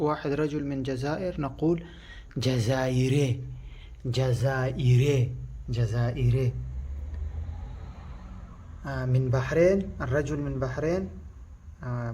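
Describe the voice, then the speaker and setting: A man whose first language is Pashto, teaching a language lesson and repeating each word slowly and loudly before he explains it. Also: mid-range voice, husky. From Afghanistan.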